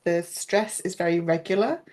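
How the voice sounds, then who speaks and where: A woman's voice: lowish voice, moderate pace, a little mellow. A woman, a guest in a casual interview, explaining her teaching at length in a thoughtful way. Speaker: interview guest, pronunciation coach.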